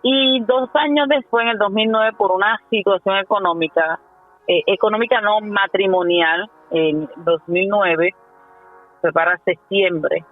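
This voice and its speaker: A woman's voice: mid-range voice, fairly even intonation, a little slow, narrow, tinny audio, soft background music. A woman in her fifties with a Puerto Rican accent, telling her faith testimony earnestly, with frequent "eh" and "¿verdad?" asides. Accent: Puerto Rican Spanish. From Puerto Rico. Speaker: minister giving her testimony. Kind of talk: personal testimony on a radio show.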